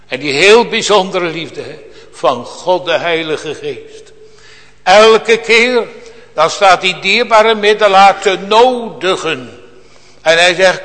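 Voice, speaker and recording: Fervent preacher in a reverberant church. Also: male voice, high voice. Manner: fervent, drawn-out preaching cadence with sudden soft drops. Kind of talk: sermon.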